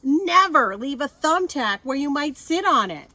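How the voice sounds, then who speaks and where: A woman's voice: sits high, sing-song, unhurried, sharp tone, no room sound, pitched above the performer's own voice, full character voice. A woman voicing an earnest male police officer from a storybook, announcing his lines emphatically. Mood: earnest, emphatic.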